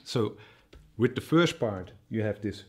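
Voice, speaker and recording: A man teaching a cajon rhythm, explaining slowly and patiently with many fillers and spoken drum sounds. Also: fairly low pitch, animated, over loud music. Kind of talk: music tutorial.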